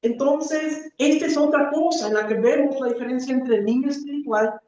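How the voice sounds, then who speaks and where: A woman preacher giving an earnest teaching sermon, often pausing on rhetorical questions. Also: high-pitched, warm tone. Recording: echoey, distant, dull room recording.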